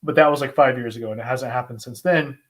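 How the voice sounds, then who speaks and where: In a casual live Q&A, a host who is an asylum lawyer takes viewer questions and explains legal matters, pausing as he thinks aloud. He's a native English speaker with an American accent, and his medium-pitched voice has a fairly bright tone.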